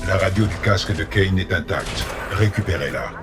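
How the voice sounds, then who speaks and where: Deep, calm combat robot. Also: male voice, loud music behind the voice. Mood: calm alert. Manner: measured, formal, matter-of-fact. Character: calm, loyal male giant combat robot. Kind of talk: French video game dub.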